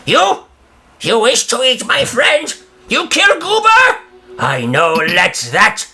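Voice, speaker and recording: A man's voice: wildly swooping pitch, slow, creaky, pushed and bright, breathy edge, exaggerated voice. A man voicing a thin, crooked, skittish male goblin who talks in broken, jumpy bursts. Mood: frightened. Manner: jumpy, broken grammar, squeaky outbursts.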